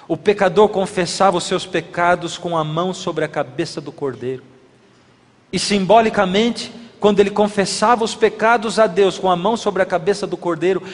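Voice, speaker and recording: A man preaching a sermon, asking the audience many questions and acting out little dialogues. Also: sits high. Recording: reverberant hall.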